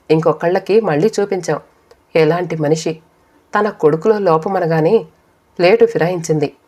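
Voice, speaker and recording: A woman's voice: fairly low pitch, darkish tone, dull audio. A woman reading a first-person family story aloud as an audiobook narrator, voicing the quoted relatives in her own voice.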